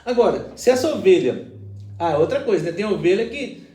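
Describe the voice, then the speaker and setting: Earnest pastor with a high lively voice. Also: male voice, a little fast, echoey room, far from the mic. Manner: earnest, explanatory, uses everyday examples. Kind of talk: conversational Bible reflection.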